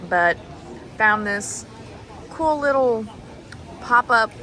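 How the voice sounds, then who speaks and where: A woman in her late twenties chatting casually as a travel vlogger, with quick asides. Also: a little high, lively intonation, sharp tone. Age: late 20s. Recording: noisy public places.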